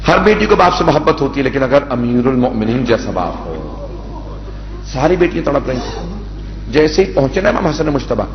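A man preaching a mourning sermon as dramatic storytelling that swells into loud fervor. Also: medium pitch, very animated, roomy sound, long reverb tail, a little hiss or hum. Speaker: religious preacher reciting a mourning narrative. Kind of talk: sermon recitation. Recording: dull lo-fi sound.

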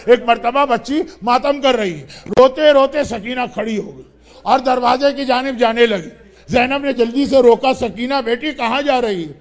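A male preacher telling a mournful story in an emotional sermon, with rhythmic, lamenting delivery. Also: very high-pitched. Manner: rhythmic, lamenting, dramatic narration.

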